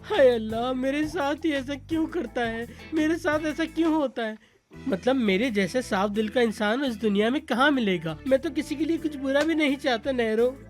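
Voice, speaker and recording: A woman's voice: sits high, moderate pace, soft background music, close to an everyday voice. A woman dubbing a fussy, melodramatic young man who wails and sobs, in a Hindi-dubbed TV drama. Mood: fretful. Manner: theatrical wailing and sobbing.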